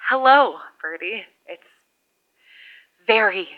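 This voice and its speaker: A woman's voice: medium pitch, lively intonation, slow pace, no echo, phone-quality sound. Woman playing a lonely radio caller, heard over a two-way radio. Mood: hopeful. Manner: rambling, self-deprecating, wry. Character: lonely wry woman survivor calling strangers by radio. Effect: transmitted over a two-way radio. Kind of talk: audio drama monologue.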